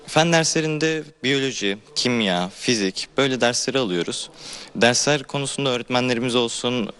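A teenage boy, a tenth-grade student, answering interview questions carefully and a little haltingly. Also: mid-range voice, a bit bright, clear, resonant tone. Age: teens. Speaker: high school student.

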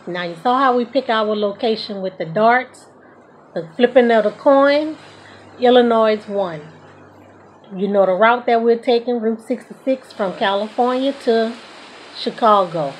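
A relaxed, playful woman in her forties talks to the camera at her home, her voice sitting a bit high. She chats casually with viewers. Faint outdoor noise runs in the background. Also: measured pace, low-quality recording. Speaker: vlog co-host. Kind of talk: casual vlog chat. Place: outdoor patio and garage of a home. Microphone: camera a few feet away.

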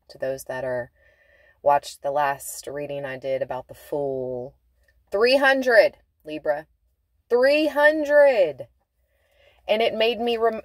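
A woman's voice: mid-range voice, no room sound. A woman giving a casual tarot reading from inside a car, chatty and laughing, stretching out words for emphasis. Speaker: tarot reader.

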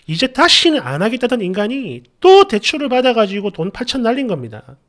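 A woman's voice: a little high, sing-song, a little fast. A woman narrating a first-person story, indignant and exasperated, asking listeners rhetorical questions.

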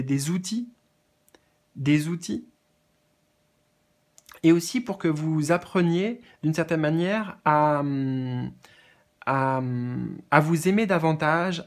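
A man giving a spiritual card reading to his viewers, speaking gently and hesitantly with many fillers and repeated words. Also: on the high side. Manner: gentle, addresses viewers as friends. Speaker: tarot card reader.

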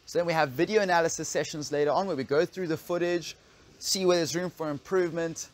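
A man's voice: fairly high pitch, fairly even intonation, fast. A man in his thirties, an enthusiastic kitesurf coach, talking to camera outdoors by a pool on a lapel mic. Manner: upbeat, enthusiastic, laughing. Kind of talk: promotional vlog talk to camera.

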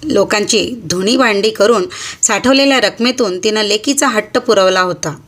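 A woman hosting her own channel, narrating a short story in a measured, expressive reading voice. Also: medium pitch.

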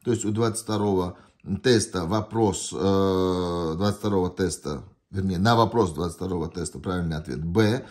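A male language tutor sits indoors at a desk, explaining test answers as he reads from a printed sheet held in his hand, thinking aloud with hesitations and self-corrections. His voice is low-pitched and a little mellow at normal speed. A phone camera pointed down at the sheet records him.

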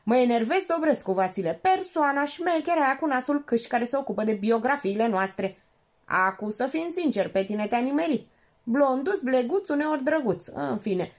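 A woman reading an audiobook, voicing an excitable, sarcastic woman sleuth who talks in quick, mocking exclamations. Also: high-pitched, pitched above the performer's own voice.

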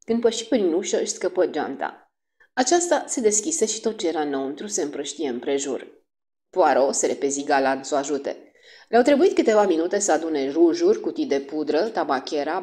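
Expressive low-voiced woman narrator. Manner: expressive, voicing each character. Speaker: audiobook narrator. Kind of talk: audiobook narration.

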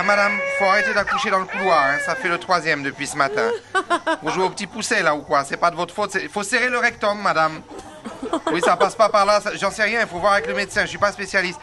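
A man's voice: high voice, lightly acted. A man voicing a brusque, harried middle-aged female hospital receptionist who snaps at callers mid-sentence, in a radio comedy sketch.

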